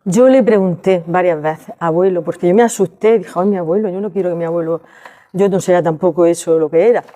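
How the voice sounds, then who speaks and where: An older woman with a lilt tells personal memories to a listening group. Her voice is low and mellow, and she speaks haltingly, stopping often to restart a phrase. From Spain. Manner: halting, with many restarts and fillers. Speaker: storyteller at a library event. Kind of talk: personal storytelling to an audience.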